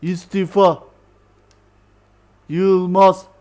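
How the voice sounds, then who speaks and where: Excitable high-voiced gaming man. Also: extremely slow. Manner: excitable, exasperated, swears and shouts at the players. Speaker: gamer commentating his own football match. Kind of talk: live gameplay commentary.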